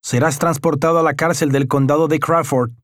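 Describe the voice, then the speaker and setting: A man voicing a gruff, stern county jail officer who barks clipped orders, for an audiobook. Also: fairly high pitch, steady tone, a little fast, dry recording, clean studio sound, pitched above the performer's own voice, lightly acted.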